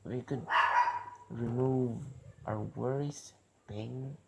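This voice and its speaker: A man delivering a casual, rambling philosophical monologue, halting and often repeating or interrupting himself. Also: mid-range voice, fairly even intonation, vocal fry, lo-fi sound. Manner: halting, repetitive, self-interrupting. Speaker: vlogger. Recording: noisy recording with clicks.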